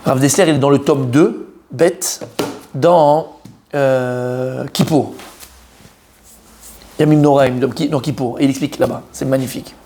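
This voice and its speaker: A man teaching a Torah class in French, an animated teacher who quizzes his students, repeats key points and mixes in Hebrew terms. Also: medium pitch, measured pace, pauses often, slight background noise.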